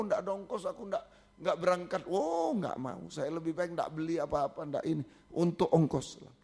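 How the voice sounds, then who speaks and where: An older man, a pastor, preaching a sermon in a repetitive, emphatic way, swinging between loud and soft. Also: on the high side.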